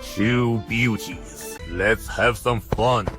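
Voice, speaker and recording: A man plays a huge, pig-like ghost villain from an anime story. The voice sits low and carries menace and gloating contempt. Clear music runs behind it. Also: extremely slow. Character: arrogant hulking male pig-like ghost gang boss villain. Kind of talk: dubbed anime-story dialogue.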